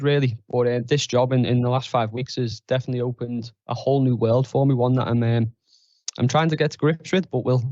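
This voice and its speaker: A man's voice: medium pitch, a little mellow, no room sound. Guest: young man, Liverpool accent, modest and open, dry slightly dull podcast sound. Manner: modest, candid, chatty. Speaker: guest, tech trainer. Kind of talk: casual interview answers.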